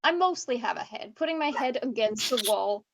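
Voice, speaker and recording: A woman's voice: a little high, lively intonation, brisk, noisy background. A woman player in a tabletop role-playing game, playfully describing what her character does. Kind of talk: casual play chat.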